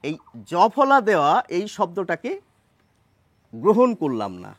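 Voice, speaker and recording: A man teaching a grammar lesson in a measured way, asking questions and then answering them himself. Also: high voice, huge pitch swings, no echo. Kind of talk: explanatory lesson.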